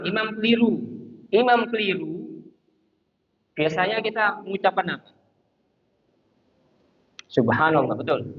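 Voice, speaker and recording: A man giving a lively lecture on Islamic law in a mosque, acting out small scenes. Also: high-pitched, dull audio. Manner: animated, acts out little scenes and chants to show intonation. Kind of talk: conversational religious lecture. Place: mosque hall.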